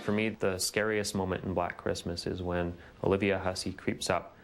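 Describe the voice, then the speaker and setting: A man in a documentary interview, describing a scary film scene in a monotone. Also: low-pitched, normal speed, over loud music. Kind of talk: interview commentary on films.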